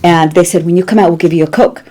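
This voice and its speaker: A Cuban-born woman in her sixties, a guest producer telling animated stories in an interview and laughing easily. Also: lowish voice, fast talker. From Cuba. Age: 60s. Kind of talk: conversational interview storytelling.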